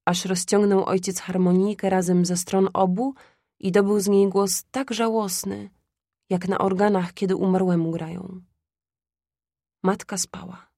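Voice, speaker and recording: Audiobook narration, calm woman, dry close-miked sound. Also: on the low side, no echo. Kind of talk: scripted literary narration.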